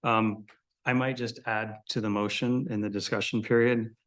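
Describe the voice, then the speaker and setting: A man's voice: fairly low pitch, flat delivery, moderate pace, fairly bright tone. A man chairing a public commission meeting, informal and decisive, with a joking manner.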